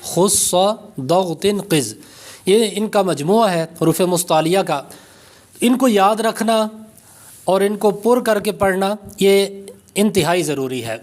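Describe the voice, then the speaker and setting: A man teaching a recorded Quran reading lesson, with a Pakistani Urdu accent, slowly and carefully pronouncing each letter. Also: sits high, a little mellow. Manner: slow, careful letter-by-letter pronunciation drills.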